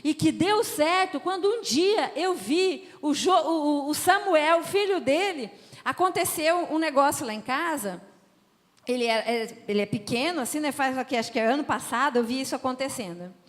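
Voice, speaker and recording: A woman telling family stories in an emphatic, lively preaching talk at a family conference. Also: sits high, normal speed. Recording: long hall reverb.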